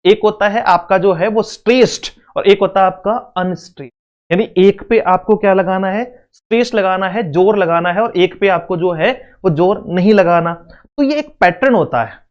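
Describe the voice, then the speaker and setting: A man teaching an exam-prep literature lesson, mixing Hindi and English and repeating his points through rhetorical questions. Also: high-pitched.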